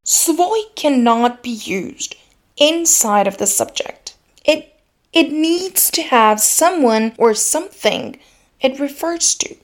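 A woman with a high, expressive voice teaches grammar as a podcast host covering linguistics. A native Serbian speaker, she delivers a scripted lesson in a measured, explanatory way, sometimes switching into Slavic example phrases.

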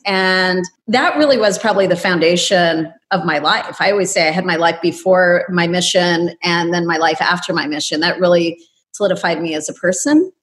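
A woman's voice: lowish voice, moderate pace, a bit bright. A woman in her fifties talking casually as an interview guest, chatty and anecdotal. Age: 50s. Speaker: interview guest, travel agency owner. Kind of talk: casual conversational interview talk.

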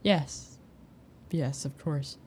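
Woman voicing a gentle young farmer man. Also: deep voice, extremely slow, slight background noise. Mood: hesitant.

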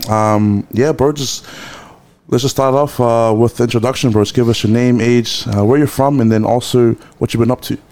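A man hosting a podcast, talking casually with many pauses and fillers. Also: medium pitch, fairly even intonation, a little mellow. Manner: hesitant, lots of fillers, friendly slang. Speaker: podcast host. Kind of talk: casual chat.

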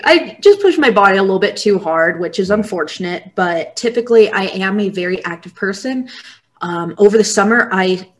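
A young woman speaking as a guest in a casual interview, open and earnest as she talks. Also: medium pitch. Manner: open, earnest, laughs easily.

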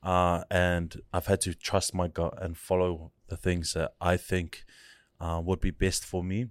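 A man's voice: low-pitched, monotone, unhurried, no echo, clean studio sound. Laid-back man. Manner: laid-back, chatty, laughs easily. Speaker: podcast guest, actor. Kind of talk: casual chat. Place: studio.

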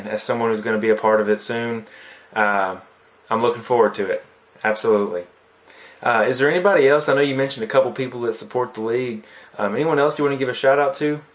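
A man's voice: mid-range voice, fairly bright tone. A man hosting a podcast interview, easygoing and encouraging, often restarting his sentences and saying "man.". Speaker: podcast host. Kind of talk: casual interview chat.

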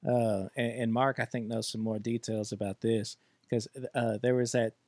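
A man co-hosting a podcast in casual, reminiscing chat, halting and repeating his words. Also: mid-range voice, flat delivery, darkish tone, no echo. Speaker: podcast co-host.

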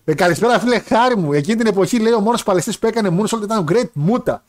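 A man banters through a casual wrestling chat show. He reads out viewer messages with quick jokes and bursts of laughter. His talk stays lively and playful. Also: sits high. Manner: animated, laughing, joking banter. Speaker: podcast co-host.

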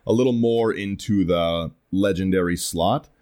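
Podcast host, man, very low voice, keen long-winded talker. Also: normal speed, a little mellow. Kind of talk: casual podcast chat.

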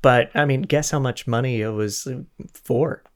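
A man with a mid-range voice, speaking at normal speed, hosts a podcast retelling a historical mystery as a true crime case. His telling is informal and conversational, sprinkled with joking asides and self-corrections.

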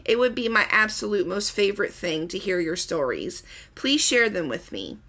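A woman's voice: mid-range voice, very animated, moderate pace, background noise. A woman hosting a podcast, talking casually as she explains things. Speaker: podcast host.

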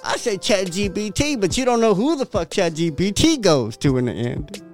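A man's voice: high voice, normal speed, soft background music. A man hosting a podcast, giving a profane, emphatic motivational talk that repeats its points and breaks into laughter. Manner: profane, emphatic, repetitive preaching; animated, laughs often. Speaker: podcast host.

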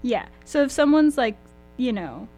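A woman co-hosting a casual podcast, quick to riff with jokes. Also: a little high, sing-song, soft background music. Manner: bright, joking, quick to riff. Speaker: podcast co-host. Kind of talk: casual chat.

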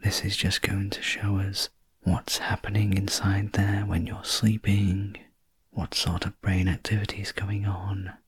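Man acting as calm spacecraft sleep technician, whispered role-play, sleep story narrator, breathy hush, low-pitched, unhurried, reassuring. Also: heavily acted. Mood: soothing, attentive. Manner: gentle, slow sleep story narrator delivery.

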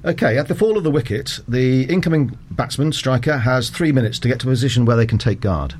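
A man working as a cricket umpire, explaining rules in a measured, formal way as an interview guest. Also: medium pitch, lively intonation, darkish tone, a little hiss or hum. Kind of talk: conversational interview.

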